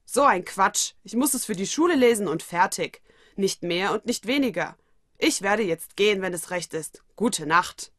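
A woman's voice: medium pitch, animated, moderate pace, a bit bright, no echo, clean studio sound. A woman voicing a grumpy, easily angered teenage schoolboy in a storybook reading. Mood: curt. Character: hot-tempered teenage schoolboy servant. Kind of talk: audiobook reading of fan fiction.

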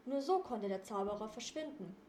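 A woman's voice: on the high side, animated, normal speed, darkish tone, slight background noise, lightly acted. A woman reading the part of a clever, composed teenage boy detective who leads his friends. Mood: explaining. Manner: lecturing, composed. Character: clever calm teen boy detective leader. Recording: roomy echo.

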